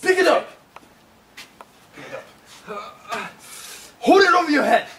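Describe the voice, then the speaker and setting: A cruel, barking prison camp guard, played by a performer who shouts orders in broken English with a heavy put-on foreign accent. The voice sits high and swings wildly in pitch, with long drawn-out phrases. It is caught in an echoey room from a distance. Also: big pitch swings, heavily acted. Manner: barking commands, mocking laughter.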